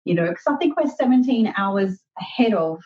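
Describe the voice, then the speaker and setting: A woman's voice: mid-range voice, animated, moderate pace, darkish tone, muffled recording. A woman with an Australian accent chatting casually and modestly as an interview guest. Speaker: podcast guest, astrologer.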